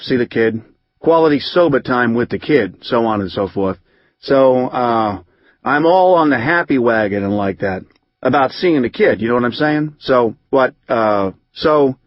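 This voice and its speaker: A man's voice: medium pitch, dry recording, highs cut off, lightly acted. A man doing a bitter, foul-mouthed hothead. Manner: rambling, profane, street slang. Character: rough profane man, bitter, hot-tempered, recovering drinker. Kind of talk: audiobook narration.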